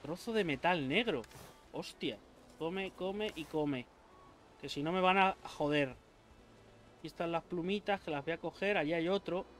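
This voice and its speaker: A young man, doing let's play commentary, excitable and swearing often, yelping when attacked. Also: a little high, measured pace, slight background noise. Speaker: gaming YouTuber.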